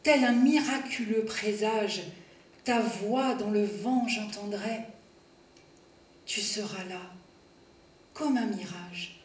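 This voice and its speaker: A woman performing poems in a slow, expressive recitation, sometimes singing them, at an evening event. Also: mid-range voice, a little hiss or hum. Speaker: poetry performer. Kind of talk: poetry recital with piano. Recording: echoey hall from far off, piano behind.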